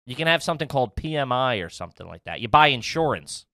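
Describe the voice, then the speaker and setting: Excitable man with a lively voice. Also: mid-range voice, quick pace, dry recording, studio quality. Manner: rambling, incredulous and excitable. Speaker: podcast host reading listener questions. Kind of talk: casual comedy podcast banter.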